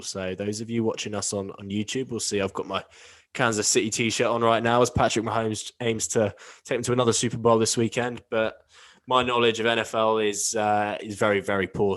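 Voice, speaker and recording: A man co-hosts a podcast in relaxed, casual chat, steering the talk from point to point. His voice sits fairly low. The sound is dry and close to the mic. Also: no room sound. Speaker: podcast co-host.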